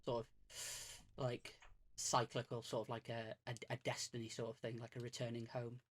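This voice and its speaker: With a completely flat delivery at normal speed, a mid-range-voiced man from Greater Manchester chats as a guest on a streamer's casual podcast. He rambles and runs himself down, using lots of fillers and restarts.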